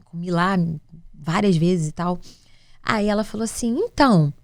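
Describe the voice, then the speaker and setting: A woman's voice: lowish voice, normal speed, dry recording, clean studio sound. A woman from Brazil, a guest in an interview, telling a personal story with feeling, acting out conversations with many restarts. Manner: animated, acts out dialogue with many restarts. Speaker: guest, restaurant business owner.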